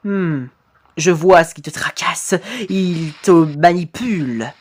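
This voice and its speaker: A woman voicing a menacing ghostly male titan with a camera head, speaking slowly, low and threatening.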